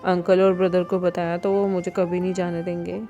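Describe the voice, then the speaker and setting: A woman's voice: fairly low pitch, little pitch movement, normal speed, mellow, faint music behind, natural voice. A woman voicing a clingy, jealous young man who pleads and sulks. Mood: pleading.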